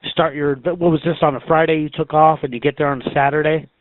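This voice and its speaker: A man conducting a casual interview, asking halting, hesitant questions with many pauses. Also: on the high side, level tone. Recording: tinny phone-like band, roomy echo.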